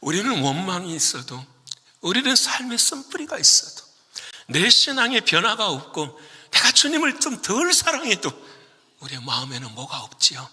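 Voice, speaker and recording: A man preaching a sermon as a pastor, asking the congregation questions and answering them, moving from loud exhortation to hushed whispers. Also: sits high, very animated, moderate pace, husky, big-room sound.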